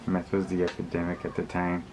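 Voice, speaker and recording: A man's voice: low-pitched, completely flat delivery. A man talking casually to viewers, giving opinions in blunt, slangy street talk, rambling and repeating himself as he backtracks. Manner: rambling, repetitive, halting, often backtracking. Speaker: vlogger. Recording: clearly noisy recording with background ambience.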